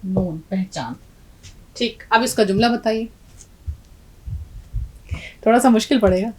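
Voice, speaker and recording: A woman's voice: medium pitch, mellow, rough recording. A middle-aged woman teaching a language lesson, patiently explaining letters and quizzing her students. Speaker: Urdu teacher.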